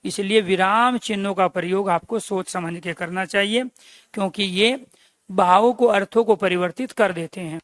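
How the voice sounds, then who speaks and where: High-voiced grammar teacher. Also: male voice, moderate pace, a bit bright, dry recording. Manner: repeats key phrases and quizzes listeners with questions; calls listeners dear friends. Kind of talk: online exam-prep lesson.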